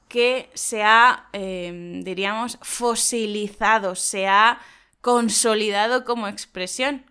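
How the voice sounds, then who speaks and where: A woman from Spain, co-hosting a lesson and explaining slang to learners in a lively, emphatic way. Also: a little high, smooth. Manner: lively, emphatic, laughs often. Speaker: Spanish teacher and co-host.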